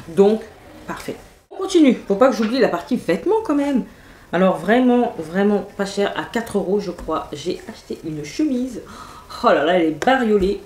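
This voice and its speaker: A woman's voice: medium pitch, a little mellow. A woman, chatting enthusiastically through a makeup and clothes haul, full of fillers and asides. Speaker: beauty vlogger. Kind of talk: casual haul video chat. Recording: echoey room, faint noise.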